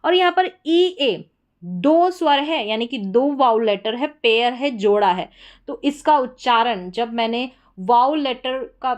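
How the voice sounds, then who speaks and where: High-voiced woman teaching spelling. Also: lively intonation, unhurried. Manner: spells words letter by letter, asks and answers own questions. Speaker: English teacher. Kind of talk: spelling and pronunciation lesson.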